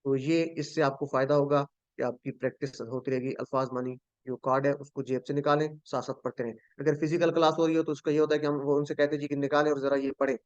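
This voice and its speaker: A man's voice: mid-range voice, little pitch movement, quick pace, dry recording, highs cut off. A man teaching a Quran and Arabic grammar lesson in an online class, speaking with a flavor, patiently repeating words and quizzing his students.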